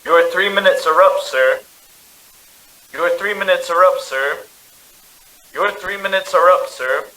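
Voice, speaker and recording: A man's voice: sits high, measured pace, pauses often, bright, forceful tone, slight background noise, low-quality recording. A man playing an impersonal, polite telephone operator with a formulaic delivery in an old-time radio drama. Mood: detached, routine.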